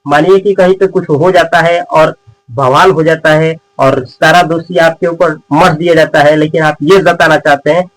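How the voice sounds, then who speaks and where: A man teaching spoken English in Hindi who repeats each English sentence slowly and word by word, then translates it, and calls the viewer friend and brother. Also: a little high, fairly even intonation, fairly bright tone, poor audio. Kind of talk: Hindi-medium English lesson.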